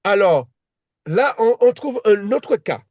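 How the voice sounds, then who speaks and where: A man's voice: high-pitched, animated, slow, darkish tone, dry recording, studio quality. A man teaching a one-on-one reading lesson, patient and repetitive, often restarting his sentences. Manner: patient, repeats himself, many restarts.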